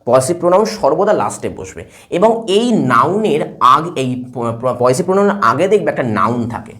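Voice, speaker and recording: A man's voice: a little high, normal speed. A man teaching English grammar at a whiteboard, explaining step by step and checking again and again that his students follow. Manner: lively, asks checking questions again and again. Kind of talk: classroom lesson at a whiteboard.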